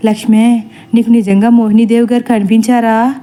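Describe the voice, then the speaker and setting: Lady playing a loud rustic servant guy, jumpy, high for a man. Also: level tone, normal speed, natural voice. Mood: alarmed. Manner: loud, rustic, stammering when afraid. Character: rough, scared village servant man. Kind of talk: storybook acting.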